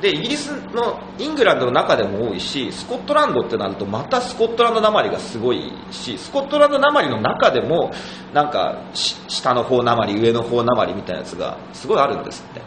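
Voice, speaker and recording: A man hosting a relaxed conversation, speaking fast with a lively, swinging pitch and frequent laughs. The room is echoey, with clear noise behind him. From Tokyo. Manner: lively, laughs often, quick and animated. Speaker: host. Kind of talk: casual chat.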